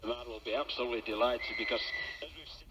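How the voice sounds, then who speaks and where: A man giving brisk live sports commentary, heard through a small transistor radio speaker. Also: medium pitch. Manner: brisk, running play-by-play. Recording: faint broadcast with crowd noise, picked up from a distance.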